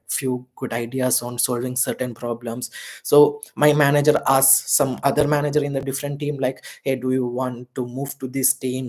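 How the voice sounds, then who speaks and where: A man, shivering in the cold outdoors, hosting a live Q&A and giving earnest career advice full of fillers. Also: medium pitch. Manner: earnest, rambling, with many fillers. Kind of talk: live Q&A chat.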